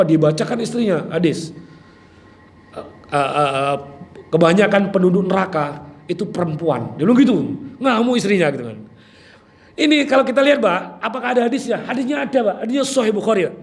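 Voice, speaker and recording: A man preaching a religious study session, lively and joking, often addressing his listeners directly. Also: high voice. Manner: lively, jokey, keeps addressing listeners with "Pak". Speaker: Islamic preacher. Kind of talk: sermon.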